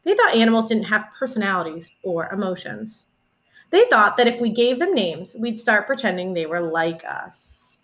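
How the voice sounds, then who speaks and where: Here a twentysomething teacher reads a picture book for children in an animated storyteller's style, her voice mid-range and her pace moderate. She records herself on a webcam in a small room at home.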